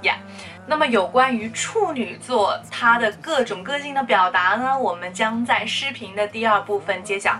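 A woman teaching spoken English, explaining words and repeating them slowly for practice. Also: mid-range voice, sharp tone, distant mic.

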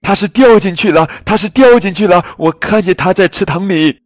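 A man doing a squeaky excitable elephant. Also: a little fast, no room sound, lightly acted. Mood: excited. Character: excitable male elephant friend.

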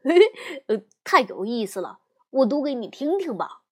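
一位女性在有声故事书里为一只爱捉弄人的小熊哥哥配音，语气调皮。. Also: female voice, high voice, big pitch swings, normal speed, mellow, breathy edge, full character voice. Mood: eager. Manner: mischievous, mock-spooky. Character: teasing young boy bear cub.

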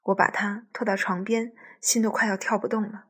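A woman narrating a first-person literary story in a soft, intimate way, often dropping to a whisper. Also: medium pitch, flat delivery, fairly quick, breathy edge.

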